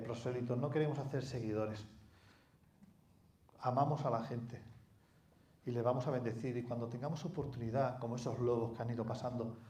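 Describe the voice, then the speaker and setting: A man's voice: mid-range voice, warm tone. A man from preaching a sermon in a conversational way, asking the congregation rhetorical questions and adding asides. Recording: echoey hall.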